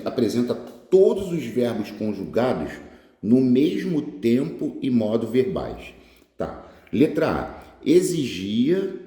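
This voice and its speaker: A man's voice: mid-range voice, mellow. A man from Brazil, an exam prep teacher going through test answers in an informal way, drawing words out and checking in with short questions. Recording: echoey room, long reverb.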